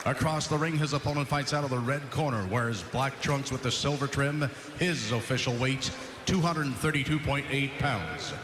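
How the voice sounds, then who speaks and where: Echoing male boxing fight announcer, showman style. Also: mid-range voice. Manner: showman fight-announcer delivery, drawn-out names. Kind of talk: formal bilingual ring announcing. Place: echoing arena at ringside. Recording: echoey noisy arena PA, long reverb.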